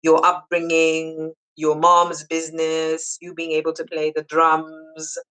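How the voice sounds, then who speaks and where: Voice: medium pitch, completely flat delivery, slow, clean tone, low-quality recording. A podcast host from Zambia, interviewing guests and repeating praise. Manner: warm, effusive, repeats praise.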